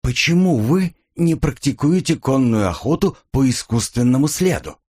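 A man voicing a sharp young woman police lieutenant asking pointed questions. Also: medium pitch, lively intonation, moderate pace, breathy edge, voice pushed up. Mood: probing. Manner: inquisitive, cool.

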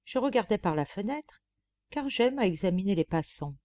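Storybook lapdog voiced by a female reader: gossipy, pampered, confiding; mellow tone, close dry mic. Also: medium pitch, lively intonation, moderate pace, dry recording, natural voice. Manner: chatty, confiding, mocking. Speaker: audiobook reader. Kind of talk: audiobook narration.

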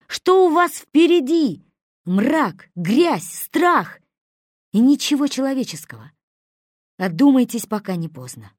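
A woman's voice: high-pitched, dry recording, studio quality, voice pushed up, full character voice. A woman voicing a stern, upright man who lectures others with indignation. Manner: lecturing, shouting.

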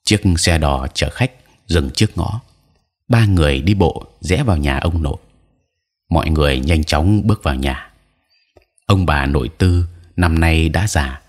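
A man narrating an audio story in a measured, even storytelling manner. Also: low voice, breathy edge.

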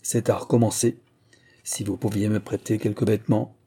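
Man playing a calm young chemist, flat matter-of-fact delivery. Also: fairly low pitch, moderate pace, slightly rough.

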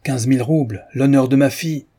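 A man's voice: fairly low pitch, steady tone, moderate pace, mellow, slightly rough. A man voicing a proud, fierce old Russian father who cries out in bursts of anger. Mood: enraged.

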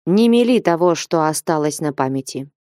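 Read by a female narrator, the character is an older merchant, gruff and commanding, giving orders in a low, mellow, expressive voice. He delivers his warnings slowly and heavily, in a close recording with no echo that keeps each word near.

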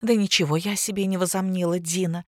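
A woman doing a soft-spoken, weary mother. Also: lowish voice, fast, no echo, studio quality, natural voice. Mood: calm firm. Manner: soft, restrained, calm. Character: timid, weary middle-aged mother, quietly firm.

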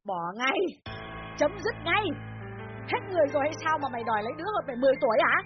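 A woman plays a domineering older mother who scolds in rapid bursts. Her voice sits high and leaps around. The audiobook sound is dull, with faint music under it. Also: sing-song. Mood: furious scolding. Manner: scolding, shrill, rapid-fire. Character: angry older mother, sharp-tongued and domineering. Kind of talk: dramatized audiobook reading.

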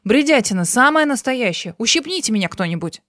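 A woman voicing a fussy, excitable young male archivist who talks fast and mocks others. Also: a little high, no echo, studio quality. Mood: indignant. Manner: frantic, talkative, mocking.

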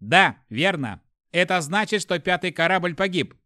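A man reading a science fiction audiobook, putting on the voice of a cold, detached onboard ship computer that announces in a flat, emotionless tone. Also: sits high, a little slow, no room sound, studio quality, voice pushed up, exaggerated voice. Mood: cold, announcing.

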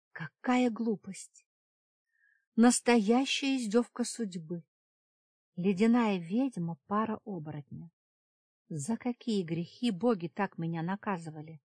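A woman's voice: lowish voice, a little mellow, dry recording, clean studio sound. Woman narrating a fantasy audiobook. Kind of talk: scripted first-person narration.

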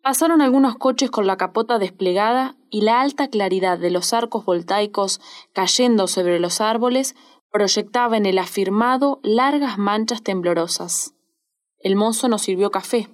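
Female audiobook narrator, Rioplatense, measured and expressive. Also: medium pitch. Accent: Rioplatense Spanish. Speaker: audiobook reader.

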